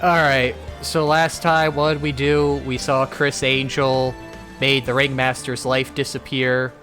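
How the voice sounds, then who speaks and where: A man's voice: medium pitch, flat delivery, a little slow, fairly bright tone. A man hosting a game livestream with casual commentary, reading bits of the game aloud. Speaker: streamer, host. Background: faint music.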